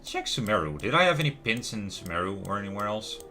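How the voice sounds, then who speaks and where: A man with a lowish voice talks quickly and sharply, his pitch swinging widely. He's livestreaming a video game with casual commentary, thinking out loud and often trailing off to second-guess himself. Lo-fi music plays behind him, along with keyboard typing and clicks.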